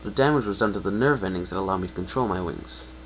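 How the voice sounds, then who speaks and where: A man voices a young pegasus in a fan-fiction reading, his tone low and downcast. He talks earnestly and haltingly, blaming himself in a somber mood. The audio is poor, with faint noise.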